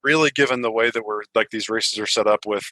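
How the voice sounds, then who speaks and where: A man who placed second in a sim race, talking excitedly in a casual post-race interview. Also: on the low side, fast talker, no echo. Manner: excited, talkative.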